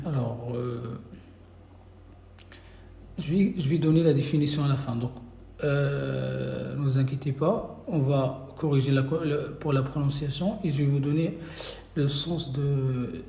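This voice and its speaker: A man's voice: mid-range voice, steady tone, unhurried, vocal fry, mellow. A man teaching a live-stream lesson, patiently reading out viewer names and correcting them one by one. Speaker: Arabic teacher. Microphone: phone. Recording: echoey room, faint background noise.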